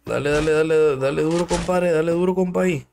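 A man's voice: fairly high pitch, fairly even intonation, fast talker, gravelly, over music. A young man with a Mexican Spanish accent, streaming a game live, joking crudely and greeting viewers by name. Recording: noisy stream audio.

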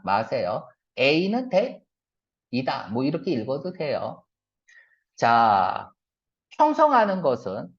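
A man teaching English reading in a classroom lecture, who asks the class quick questions, answers them himself, and mixes casual and polite speech. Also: a little high, darkish tone. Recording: dull lo-fi lecture recording.

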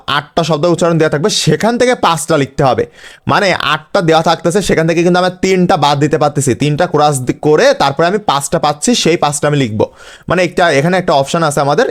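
Young guy from bangladesh tutoring for exams, bit high voice, casual and repeats himself a lot. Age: young adult. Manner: casual, repetitive, frequent checks with students. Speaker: exam tutor. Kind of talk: online lecture.

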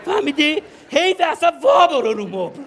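A man's voice: extremely high pitch, big pitch swings, a crowd in the background, background noise. A man in a comedy sketch, bossily coaching someone with brash advice and frequent laughter. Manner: brash, bossy, laughs often while coaching. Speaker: comic advisor in a sketch. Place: studio stage.

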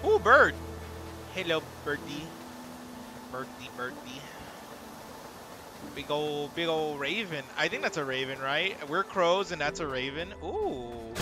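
A man streaming a video game live, reacting excitedly, chatting with viewers and swearing casually. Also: fairly high pitch, takes it slowly, pauses often. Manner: excitable, chatty, talks to chat. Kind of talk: live gameplay commentary. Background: game music.

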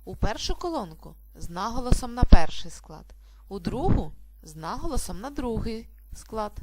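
A woman teacher giving a recorded primary school language lesson, reading slowly and clearly with carefully stressed syllables. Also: medium pitch, background noise. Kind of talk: video lesson.

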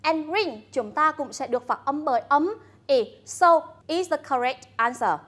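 A woman teacher with a Vietnamese accent leading a bilingual classroom lesson, speaking deliberately and coaxing her students to answer. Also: sits high, expressive, a bit bright. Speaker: English teacher.

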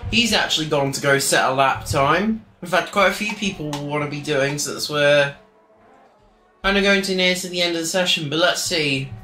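A man's voice: fairly high pitch, pushed and bright. A man giving chatty, joking, off-the-cuff live commentary on a sim race from his home streaming setup. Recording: roomy echo, faint music behind.

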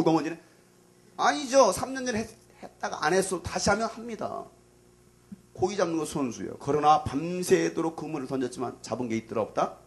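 A man preaching to a youth gathering as their pastor, dramatic and casual, swinging between loud outbursts and near whispers. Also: fairly high pitch. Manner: casual, plain speech to young listeners.

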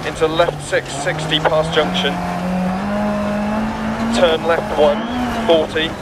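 A man playing a focused rally co-driver in a racing game, calling rapid pace notes in clipped, businesslike, urgent phrases. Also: a little high, little pitch movement. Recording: loud car engine and tyre noise. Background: racing car engine, gravel and tyre noise.

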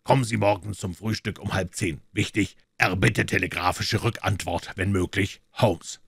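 A man voicing a calm, superior male detective who speaks in a measured, lecturing tone in a storybook reading. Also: low-pitched, vocal fry, husky, no echo, studio quality, exaggerated voice. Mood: dictating.

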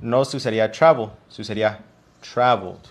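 A man's voice: on the low side, brisk. A male English teacher with a Mexican Spanish accent, patiently explaining grammar in a live online class and drawing out his examples.

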